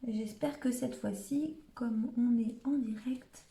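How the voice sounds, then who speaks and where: Mellow-voiced lady from hauts-de-france, northern accent, chatty craft demo, roomy echo. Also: on the high side, steady tone, takes it slowly. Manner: chatty, narrates her hands-on steps with frequent "hop" and "voilà". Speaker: stamping craft demonstrator. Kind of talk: live crafting demonstration.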